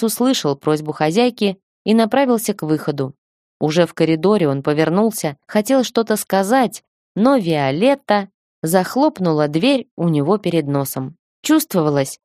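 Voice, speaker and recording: A woman reading a first-person audiobook in a steady storytelling manner. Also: fairly low pitch, no room sound, clean studio sound. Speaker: audiobook reader.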